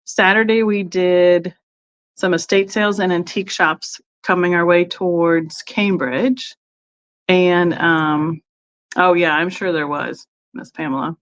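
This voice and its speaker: A woman's voice: on the low side, fairly even intonation, unhurried, muffled recording. A woman hosting a casual live-stream sale, rambling through her trip and greeting viewers by name.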